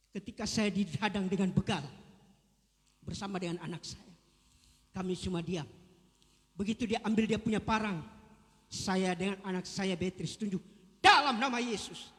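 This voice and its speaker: High-voiced man preaching in a church. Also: darkish tone. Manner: emphatic, repeats key words. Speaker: pastor. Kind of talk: sermon. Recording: long church reverb.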